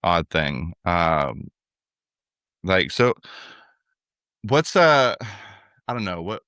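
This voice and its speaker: A man with a very low voice tells a story on a podcast, slipping into the voices of the people in it. He sounds close to the mic, with a dry, unechoing sound and no room behind him. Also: very slow, clean tone, no room sound. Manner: animated storyteller acting out others' lines. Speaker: podcast co-host. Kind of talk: casual conversational storytelling.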